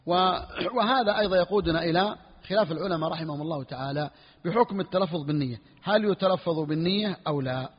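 A man teaching a lesson on Islamic jurisprudence, repeating key phrases and often asking his students whether it is clear. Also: fairly high pitch, fast. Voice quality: husky, clears throat often. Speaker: sheikh teaching Hanbali jurisprudence. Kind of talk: classroom lesson explaining a fiqh text. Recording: dull recording with long hall reverb.

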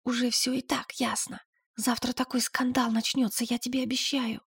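A woman voicing a worried man who calls out in a hushed voice, in an audiobook. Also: a little high, level tone, normal speed, creaky, breathy edge, no room sound, studio quality, far from the mic, pitched above the performer's own voice, exaggerated voice. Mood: anxious. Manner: hushed, anxious. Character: worried man whispering urgently.

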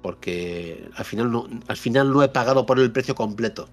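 A man's voice: medium pitch, normal speed, soft background music. A man hosting a podcast, giving a casual spoken review of a game and repeating points for emphasis. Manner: repeats himself for emphasis, frequent fillers and tag questions.

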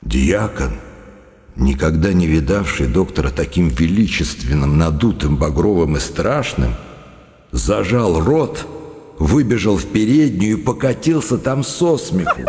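A man narrating a classic novel in an expressive, dramatic reading style. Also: low-pitched, unhurried, big-room sound. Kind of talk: expressive literary audiobook reading.

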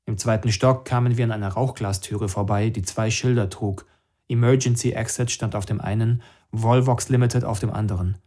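A man reading a first-person story as an audiobook narrator, steady and even. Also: lowish voice, moderate pace.

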